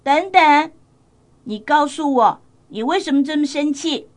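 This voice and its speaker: 女人扮演的聪明的小公主. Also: female voice, high voice, lively intonation, measured pace. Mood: reproachful. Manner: gently reproachful. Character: wise, gently scolding young princess.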